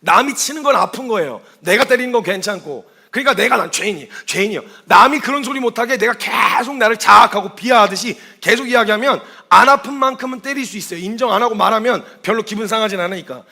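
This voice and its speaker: A male missionary preaching at a quick clip with a high, bright, forceful voice. He tells stories and throws out rhetorical questions, slipping into quoted speech along the way. The delivery stays animated throughout. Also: gravelly. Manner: storytelling, asks rhetorical questions. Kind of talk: sermon.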